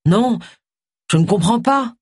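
A woman's voice: a little high, expressive, takes it slowly, husky, no room sound, clean studio sound, pitched above the performer's own voice, exaggerated voice. A woman voicing an angry, distressed young man, a son who speaks in agitated outbursts. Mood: confused.

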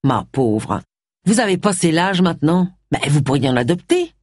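A leering older male politician from an audiobook, smug and suggestive, as a woman reader puts him on. The husky, fairly low voice rises and falls a lot. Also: sing-song, normal speed, darkish tone, no room sound, studio quality.

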